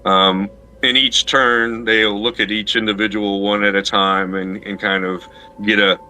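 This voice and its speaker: A man narrating a tabletop game as game master, improvising in a halting way as he searches for words. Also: fairly low pitch, little pitch movement, pushed and bright, slight background noise, poor audio.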